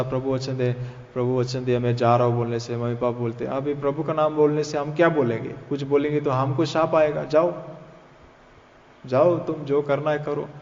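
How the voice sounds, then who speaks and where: A man's voice: mid-range voice, a little mellow. A man preaching a sermon at a youth meeting, earnestly urging his listeners and telling stories from his own life. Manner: earnest exhortation with personal stories and repeated phrases. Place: church hall. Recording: echoey hall, dull lo-fi sound.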